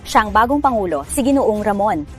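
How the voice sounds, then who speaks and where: A woman's voice: medium pitch, expressive, brisk, fairly bright tone, faint music behind, close to an everyday voice. A woman voicing a polite, efficient secretary who speaks formally and respectfully.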